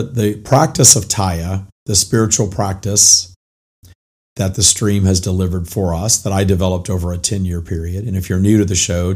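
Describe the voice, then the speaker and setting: Raspy, whispery, hoarse deep-voiced man. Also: darkish tone. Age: middle-aged. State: hoarse, nearly lost voice. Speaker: podcast host and spiritual coach. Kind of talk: informal motivational monologue.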